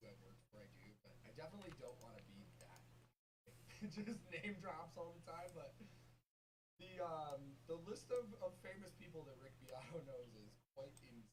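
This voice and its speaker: A man reacting to a video, his voice bouncing up and down with excitement as he rattles off casual commentary. He sits back from the mic, and a steady noise hangs behind him. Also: fairly high pitch, moderate pace. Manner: excitable, swears freely, laughs often. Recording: distant mic with loud background noise.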